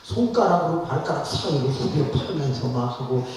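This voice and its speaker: A male pastor preaching a revival sermon in a lively storytelling manner. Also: medium pitch, normal speed, background noise. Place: church sanctuary. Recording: echoey church hall from far off.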